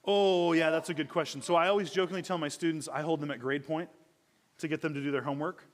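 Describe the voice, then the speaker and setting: A man teaching a Bible class at church in a relaxed, conversational way, asking rhetorical questions and often correcting himself mid-sentence. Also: fairly high pitch, quick pace.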